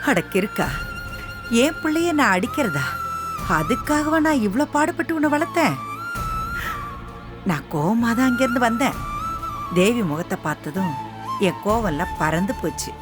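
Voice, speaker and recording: A woman's voice: a little high, lively intonation, normal speed, long pauses, over music, lightly acted. A middle-aged woman playing a loving, ailing mother in a TV serial, tender and coaxing. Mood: soothing. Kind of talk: TV serial acting.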